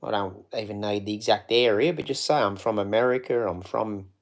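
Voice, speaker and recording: A man's voice: on the low side, steady tone, a little fast. A man hosting a casual live stream, rambling and greeting viewers by name.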